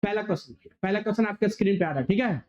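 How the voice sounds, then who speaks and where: A male physics teacher lecturing a classroom, firing quick questions and waiting for students to answer. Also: high-pitched, a little mellow. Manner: quizzing students, call-and-response. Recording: dull lo-fi recording.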